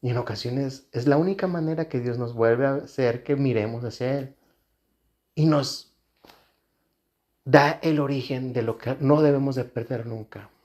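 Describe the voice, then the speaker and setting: A man's voice: medium pitch, moderate pace, a little mellow. A man, a pastor, preaching a sermon in an earnest way, repeating phrases for emphasis.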